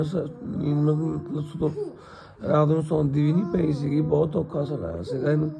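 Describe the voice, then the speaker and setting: A man talking casually to the camera in a family vlog, in a quiet, subdued way. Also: on the high side, creaky, background noise. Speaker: family vlogger.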